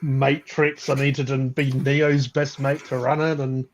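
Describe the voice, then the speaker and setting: A man's voice: mid-range voice, level tone, unhurried. Joking Australian man in his thirties. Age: 30s. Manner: joking, rambling. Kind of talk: casual chat. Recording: muffled with faint noise.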